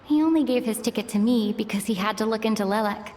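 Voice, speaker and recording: An actress playing a calm young female traveler with dry, wry remarks. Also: a little high, fast, slight background noise, lightly acted.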